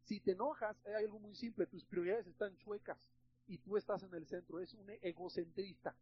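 A man's voice: sits high, steady tone, moderate pace, dull audio, a little hiss or hum. A male pastor with a Mexican Spanish accent preaches emphatically and conversationally, often calling the listeners brothers. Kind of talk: sermon.

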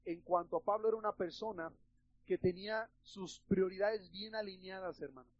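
Mexican pastor giving a sermon, high husky voice, keeps saying brothers, kinda lo-fi sound. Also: male voice, moderate pace. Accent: Mexican Spanish. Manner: emphatic, conversational, addresses listeners as brothers.

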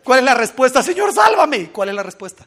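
A man preaching a sermon, animated and full of rhetorical questions, acting out little voices as he goes. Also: extremely high pitch, fast.

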